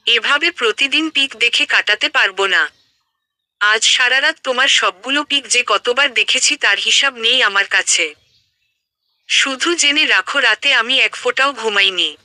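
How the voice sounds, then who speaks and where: A woman's voice: a little high, unhurried, sharp tone, dry recording. A woman voicing an affectionate, teasing young man talking to his fiancée on the phone in an audio story. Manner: playful, teasing.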